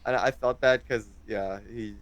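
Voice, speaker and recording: A man's voice: medium pitch, steady tone, a little slow. A young man in his twenties, chatting casually as an interview guest, hesitant and full of fillers. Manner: hesitant, rambling with many fillers.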